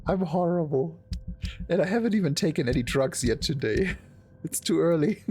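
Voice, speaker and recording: A man's voice: fairly high pitch, lively intonation, normal speed, a little mellow, a little hiss or hum. A man streaming a game, chatting casually and laughing at himself often. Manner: self-deprecating, laughs often. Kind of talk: casual gameplay chat.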